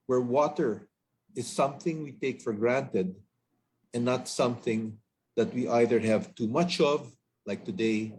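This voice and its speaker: Male speaker, Filipino accent, mid pitch, measured and earnest formal address. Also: a little mellow, a little hiss or hum. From Philippines. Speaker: foundation president. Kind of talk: prepared speech.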